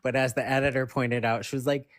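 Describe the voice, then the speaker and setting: A woman's voice: rumbling low, little pitch movement, fast, no echo. Dry-sounding woman author in casual interview. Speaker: fiction author being interviewed.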